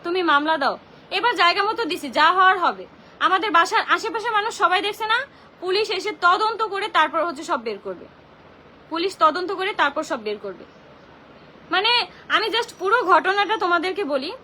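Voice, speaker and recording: Fast, high-voiced, indignant woman. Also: expressive, bright, forceful tone, slight background noise. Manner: indignant, heated, full of rhetorical questions. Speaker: social media livestreamer. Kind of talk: livestream rant.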